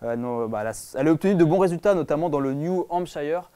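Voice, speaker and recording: Fast-talking young man, news co-host. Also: a little high, lively intonation, dark tone, smooth. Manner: quick, hesitant, many fillers. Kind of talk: casual news chat show.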